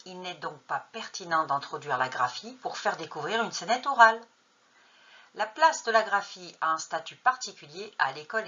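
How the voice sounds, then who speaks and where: A woman's voice: on the low side, bright, forceful tone, muffled recording, a little hiss or hum. A woman teacher trainer narrating a lesson, posing true-or-false questions and then answering them. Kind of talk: narrated lesson on an English textbook.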